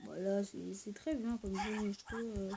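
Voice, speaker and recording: A woman giving casual gameplay commentary for her video channel, hesitant and soft-spoken, full of pauses and fillers and often trailing off. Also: medium pitch, steady tone, gravelly, noisy background. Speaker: gaming video host.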